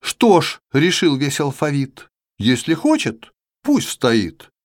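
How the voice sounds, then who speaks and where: A man's voice: on the high side, wildly swooping pitch, takes it slowly, no echo, clean studio sound, full character voice. A man voicing the whole alphabet as a chorus of letters in a children's verse tale, scolding and reasoning. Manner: lecturing, reasonable.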